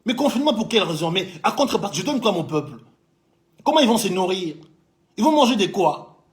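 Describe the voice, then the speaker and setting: Fiery high-pitched man ranting. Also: big pitch swings, fast talker. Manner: fiery, scolding, repeatedly addressing the president directly. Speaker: business owner living in France. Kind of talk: heated political commentary.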